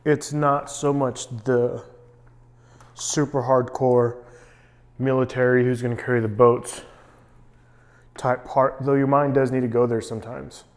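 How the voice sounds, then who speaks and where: A man's voice: mid-range voice, level tone, measured pace, pauses often. A man recording a casual personal vlog, talking in an earnest, reflective way. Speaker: vlogger documenting a cold plunge challenge.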